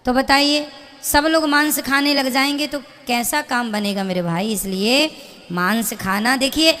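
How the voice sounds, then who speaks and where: Woman preacher, kinda high voice, firing rhetorical questions, long hall echo. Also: unhurried, sharp tone. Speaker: spiritual preacher. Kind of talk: preaching to an audience member.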